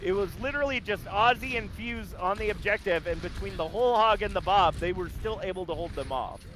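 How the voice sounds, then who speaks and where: A man doing live play-by-play for an esports broadcast. His voice sits slightly high, and he talks in a loose, chatty way with plenty of "uh"s and restarts. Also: a little fast, a bit bright, slight background noise, rough recording. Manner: chatty, hesitant fillers. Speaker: esports caster.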